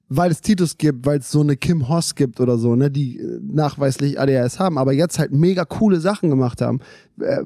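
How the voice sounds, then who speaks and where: Animated man telling stories, rather high. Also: no room sound, studio quality. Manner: animated storyteller, rushes through phrases. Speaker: podcast co-host. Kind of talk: casual chat.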